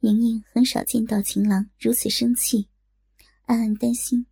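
Woman with a gravelly, husky storytelling voice. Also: a little high, normal speed, no room sound, clean studio sound. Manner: steady, storytelling delivery. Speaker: narrator. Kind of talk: scripted audiobook narration of a martial-arts tale.

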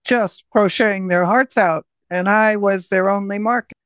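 Woman guest, earnest and explanatory, mid pitch, dry sound. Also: moderate pace, no echo. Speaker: guest, project founder. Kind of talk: interview conversation.

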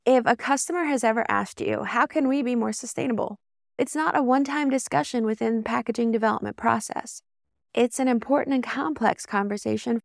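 A woman with a fairly high voice reads a brisk, businesslike news update for her podcast. She is hoarse from losing her voice, and her tone turns gravelly. The sound is dry and close. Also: a little mellow, dry recording. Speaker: podcast host, membership director. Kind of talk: read association news update.

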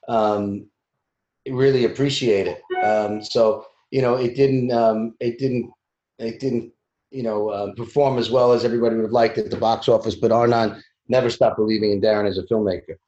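A man talks through an interview answer in a halting, easygoing manner, padding his sentences with fillers as he goes. His voice sits at a middling pitch. The sound is roomy and a little dull, like a lo-fi recording. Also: fairly even intonation, dark tone. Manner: halting, full of "you know" fillers. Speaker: film producer, interview guest. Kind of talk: casual interview conversation.

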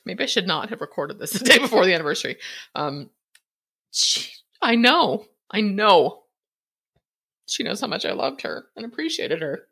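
A woman in her fifties hosting a podcast, talking through a personal reflection quickly and a bit mumbled, laughing often. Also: mid-range voice, big pitch swings, gravelly, sharp tone, slightly rough. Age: 50s. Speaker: podcast host.

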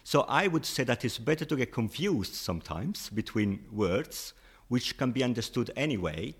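A man's voice: medium pitch, very animated, normal speed, slightly rough. A man who learned English as a second language, patiently explaining with examples in casual interview chat. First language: not English.

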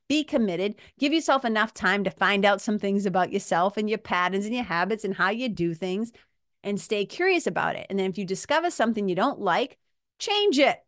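A woman's voice: mid-range voice, dry recording. New woman, dry close-sounding motivational talk. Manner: informal, conversational and emphatic, with salty slang. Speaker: podcast host and spiritual coach. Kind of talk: casual motivational monologue to listeners.

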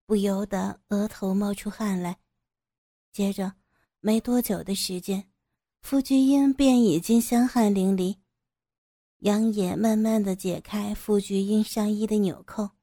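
Female narrator, warm dark tone, even storytelling pace, dry close sound. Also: medium pitch, dry recording.

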